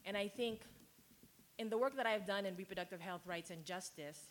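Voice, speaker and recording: A woman, speaking as a community organizer on a panel in a measured, emphatic way. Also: medium pitch. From Philippines. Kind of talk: panel talk.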